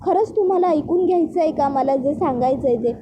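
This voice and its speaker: An irritated young man brushes off his family's questions, as a woman reading a serial recap puts him on. The voice is high and defensive. The sound is a little dull. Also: fairly quick, noisy background, natural voice.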